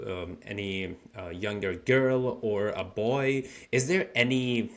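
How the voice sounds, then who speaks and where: A male podcast host puts questions to his guest in a lowish voice. He fills his pauses with "uh" and rephrases as he goes, building each question step by step. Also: fairly bright tone. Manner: hesitant questions with many "uh" fillers. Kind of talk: interviewing a guest.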